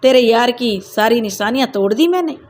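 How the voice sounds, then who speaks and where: A woman's voice: a little high, expressive, moderate pace, darkish tone, slight background noise, lightly acted. Woman reading a cruel, jealous drunken husband. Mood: harsh accusing. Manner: harsh and accusing.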